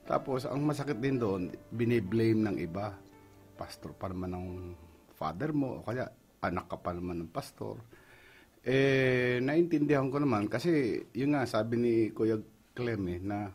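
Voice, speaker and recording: A man's voice: mid-range voice, a little slow, a little mellow, husky, soft background music. A middle-aged Filipino man, a pastor, giving an earnest personal testimony in Tagalog mixed with English. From Philippines. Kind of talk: emotional testimony on a radio program.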